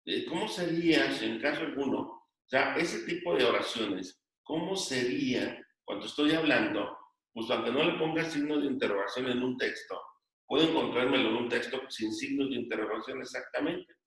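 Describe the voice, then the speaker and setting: A man's voice: mid-range voice, normal speed, fairly bright tone. A male teacher explaining a grammar point to his class and dictating notes, often repeating phrases. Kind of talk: classroom lesson. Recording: echoey room, voice from a distance.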